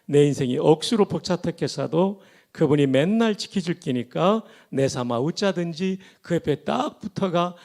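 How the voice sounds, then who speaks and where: A pastor voicing a gruff man reciting a psalm in a Gyeongsang accent, forceful and punchy. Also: fairly high pitch, animated, moderate pace. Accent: Gyeongsang dialect.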